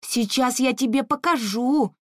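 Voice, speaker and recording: High, stubborn girl who flares up fast , read by a woman. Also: dry recording, clean studio sound. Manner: hot-headed, stubborn, soon calms down. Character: quick-tempered girl, the narrator's sister.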